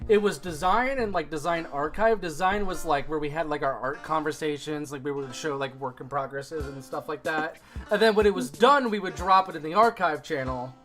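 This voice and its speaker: Male dev on a charity stream, chatty and rambling, slightly high voice. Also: brisk, a bit bright, soft background music. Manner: rambling, lots of filler likes. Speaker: game developer on a charity stream. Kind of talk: casual chat.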